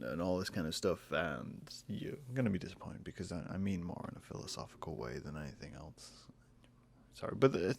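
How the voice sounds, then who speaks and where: Speaking into a desk mic held near his face, a Northern English man who is both an artist and a podcast host chats casually on his own. His voice is deep and gravelly with a creaky texture, hoarse and croaky on this day. He drifts between thoughts, often starting over with self-deprecating remarks.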